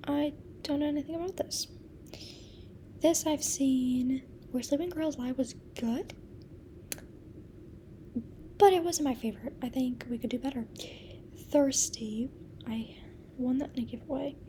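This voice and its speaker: With a little hiss or hum in the recording, a young woman's high voice reviews books in a casual vlog chat. Falling ill and losing her voice, she speaks softly, frequently in a whisper, and gushes over what she's read.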